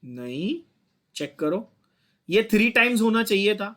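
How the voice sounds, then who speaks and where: Giving an online chemistry lecture, the young Indian man speaks at a measured pace in a high, slightly bright voice with big pitch swings. He keeps coaxing his students, going over points again and getting them to repeat them.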